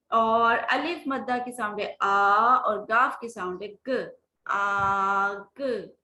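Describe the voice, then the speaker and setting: A woman's voice: on the high side, bright, forceful tone, roomy sound, a little hiss or hum, poor audio. A woman teaching Urdu letter sounds to beginners, patiently drawing out each sound and checking in with "theek hai". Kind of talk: slow phonics lesson with slides.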